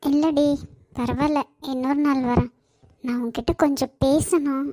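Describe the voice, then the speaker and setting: A woman's voice: extremely high pitch, steady tone, a little slow, darkish tone, no echo. A woman voicing Hasini, a hesitant, distressed young woman in a cartoon, with a Kanyakumari Tamil accent. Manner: hesitant, pleading. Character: troubled, timid young woman forced into marriage.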